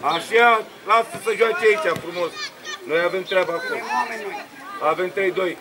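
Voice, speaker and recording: A man shouting short, repeated encouragement to young players at an outdoor football match, filmed on a phone. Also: high voice. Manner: shouts short urgings, rapid repeated calls. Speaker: parent cheering at a youth football match. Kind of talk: sideline shouting and chat. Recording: outdoor phone recording with crowd. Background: crowd and noise of a match.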